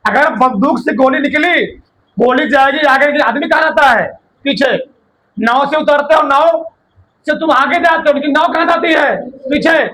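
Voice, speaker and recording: High-voiced man teaching a physics class. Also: fairly bright tone, low-quality recording. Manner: quizzes students with rhetorical questions; colloquial, addresses listeners as brother.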